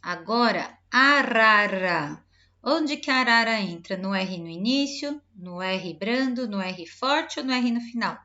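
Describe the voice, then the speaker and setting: A Brazilian woman teacher speaks unhurriedly to small children, stretching each word she dictates. Her voice is bright and fairly high. The recording sounds a little dull and lo-fi. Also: expressive. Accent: Brazilian Portuguese. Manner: slow, drawn-out word-by-word dictation to young pupils. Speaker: primary school teacher. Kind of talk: recorded remote lesson for children.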